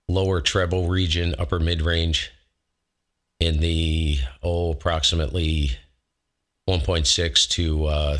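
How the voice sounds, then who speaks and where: A ham radio host with a low, fairly bright voice chats casually through a mic demo from his home shack, speaking into a close dynamic studio mic. Folksy and rambling, he keeps correcting himself along the way.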